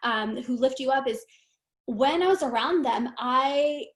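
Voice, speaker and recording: A high-voiced woman in her thirties, from Romania, talks as a guest on a live stream. She tells her story candidly and casually, with plenty of fillers. Her voice comes over a video call. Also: measured pace. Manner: candid, chatty with frequent fillers. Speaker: guest team leader.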